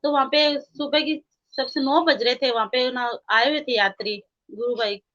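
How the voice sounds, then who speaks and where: Woman from india, earnest and kinda repetitive, high voice, muffled lo-fi sound. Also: fairly even intonation, moderate pace, a bit bright. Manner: earnest, repetitive, quotes her own prayers. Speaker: guest devotee. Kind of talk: spiritual testimony, casual.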